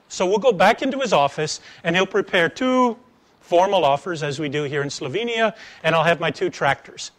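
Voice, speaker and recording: A high-pitched, middle-aged man from the United States, once an engineer and now a sales trainer, speaks to an audience in a conversational public lecture. He brings acted-out anecdotes to life and tosses in rhetorical questions. A lapel mic records him in an attic seminar room floored with wood.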